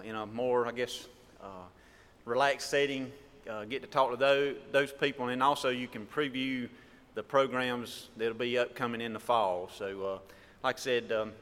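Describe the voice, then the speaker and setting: Guy reading out church announcements kinda haltingly, crisp bright voice, roomy reverb. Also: mid-range voice. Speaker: church member giving announcements. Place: church sanctuary, amplified. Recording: echoey hall with long reverb.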